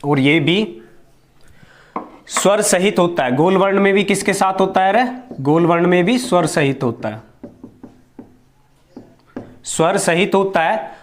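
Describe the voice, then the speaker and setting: A man with a somewhat high voice gives a classroom-style grammar lesson. He explains slowly and patiently, repeating terms and asking questions only to answer them at once. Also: animated. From India. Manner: explains slowly, repeats key words, asks and answers his own questions. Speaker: teacher.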